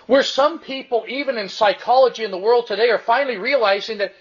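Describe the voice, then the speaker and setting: Man, preacher, high voice, husky, emphatic sermon, muffled lo-fi sound. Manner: emphatic, repeats key phrases, slows down to stress lines.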